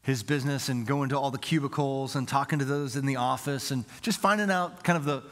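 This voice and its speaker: A man's voice: medium pitch, a little fast, a bit bright. A man preaching a sermon as pastor, earnest and repetitive, asking the congregation rhetorical questions. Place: church sanctuary.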